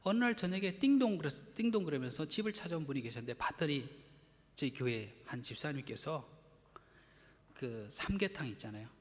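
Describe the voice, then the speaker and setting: A man's voice: fairly high pitch, expressive, a little fast, big-room sound. A man preaching a Sunday sermon, conversational, acting out little quotes and asking the congregation questions. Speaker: pastor. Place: church sanctuary.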